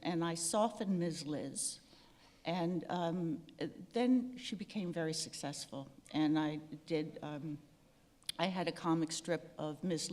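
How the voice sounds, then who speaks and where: A woman's voice: on the low side, darkish tone. An older woman telling stories on a panel in a wry, self-deprecating way, with many fillers and restarts. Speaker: panel speaker. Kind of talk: storytelling on a panel. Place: event hall. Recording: echoey hall with long reverb.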